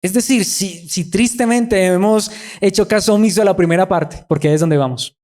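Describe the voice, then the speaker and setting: Male pastor, sermon delivery, earnest, lightish mellow voice with swells of emphasis. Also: high voice, a little fast. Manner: earnest, rises and falls in emphasis.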